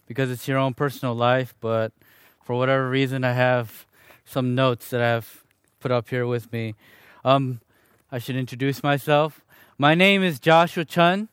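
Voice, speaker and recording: A young man from Chicago with a slightly higher voice that sounds smooth and crisp. He speaks earnestly and conversationally, with some self-deprecation, as he shares his testimony with a church audience. The sound is dry and close to the microphone. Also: a bit bright, dry recording. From Chicago, Illinois, USA. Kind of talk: personal testimony talk to a church gathering.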